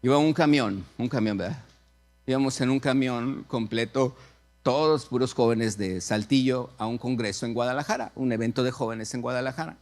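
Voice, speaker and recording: Chatty preacher telling a story. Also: male voice, medium pitch, normal speed, a little mellow. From Mexico. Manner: chatty, repeats himself, asks listeners to agree. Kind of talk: storytelling sermon.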